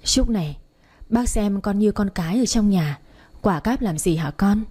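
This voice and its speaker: A woman voicing a kindly older landowner's wife who gently chides a young guest. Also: mid-range voice, lively intonation, a little slow, husky. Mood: fond.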